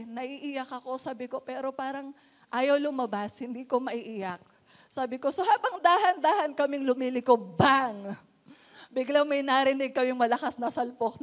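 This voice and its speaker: A woman pastor with a Filipino accent, preaching a sermon and telling a personal story with feeling, switching between English and Tagalog. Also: sits high. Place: church hall. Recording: long church hall reverb.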